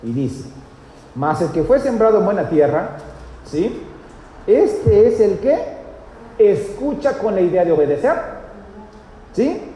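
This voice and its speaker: A man's voice: sits high, big pitch swings, measured pace, pauses often, mellow. A male pastor, teaching a sermon and often checking with the congregation. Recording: echoey church hall, faint noise.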